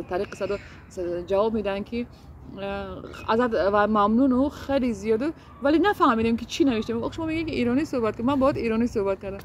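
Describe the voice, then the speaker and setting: A woman speaks in a casual interview, earnest and warm-hearted in her words but halting, circling back with fillers and restarts as she searches for phrasing. Her pitch sits mid-range for a woman. A faint hiss of background noise runs under the recording. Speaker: interview guest.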